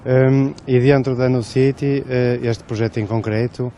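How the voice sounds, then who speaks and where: Mellow, deliberate man. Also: mid-range voice, fairly even intonation, a little hiss or hum. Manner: deliberate, with filler "eh". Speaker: company representative. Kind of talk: interview soundbite.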